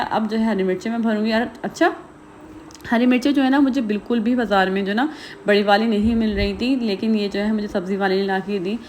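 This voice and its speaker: A woman talks viewers through a home recipe. She speaks quickly and casually, with plenty of filler phrases. Her voice sits at a middle pitch, and faint noise is heard behind her. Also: a little mellow. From Pakistan. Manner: rapid, chatty, heavy use of filler phrases. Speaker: cooking vlogger. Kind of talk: recipe voice-over narration.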